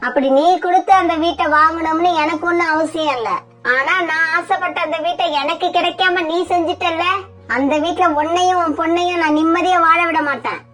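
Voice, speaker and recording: A woman's voice: sits high, moderate pace, over music, close to an everyday voice. A woman voicing a scheming, jealous female bird in a cartoon who sneers and taunts. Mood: furious. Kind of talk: cartoon voice acting.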